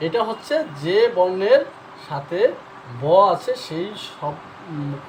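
A man's voice: high-pitched, expressive, slow, a little mellow, slight background noise, poor audio. A man teaching a pronunciation lesson, spelling words out letter by letter and answering his own questions step by step. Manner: asks the viewer questions then answers them. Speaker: Bengali grammar teacher.

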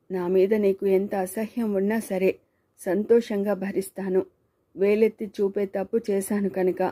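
Woman reading a sorry, self-blaming guy, subdued and pleading, dark mellow voice. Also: mid-range voice, lightly acted. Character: remorseful grown man, quiet and self-blaming.

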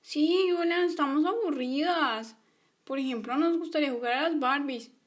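A woman's voice: sits high, moderate pace, a crowd in the background, lightly acted. A woman voicing sulky young girl friends in a toy play story, complaining and pouty.

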